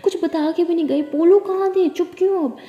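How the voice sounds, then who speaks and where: A sharp, reproachful middle-aged aunt, put on by a woman storyteller, with a high, mellow voice. She interrogates in a demanding tone. The sound rings in an echoey room with a long tail. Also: brisk, dull audio. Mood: stern scolding.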